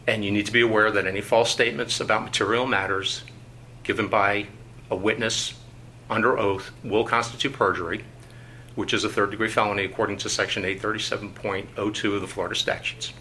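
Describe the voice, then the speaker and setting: Male investigator on an old interrogation tape: low, monotone, bright-edged delivery, procedural and deliberate. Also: slight background noise, low-quality recording. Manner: reads procedure in a measured, bureaucratic tone with frequent "uh"s. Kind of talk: formal official interview. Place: conference room. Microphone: tabletop recorder.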